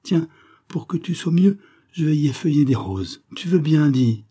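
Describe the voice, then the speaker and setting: A dying poet in a storybook reading, feverish and imploring, his pleas climbing higher and louder than the narrator's own low voice, as a man acts him out. The voice is husky and dark. He keeps begging with mounting passion. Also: animated, normal speed. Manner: impassioned, imploring.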